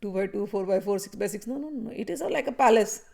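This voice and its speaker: A woman's voice: mid-range voice, animated, quick pace, vocal fry, mellow. A woman leading a devotional satsang, telling a sacred story vividly and talking directly to her listeners. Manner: vivid storytelling, acts out characters' voices; speaks directly to listeners, conversational asides. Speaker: spiritual teacher leading a satsang.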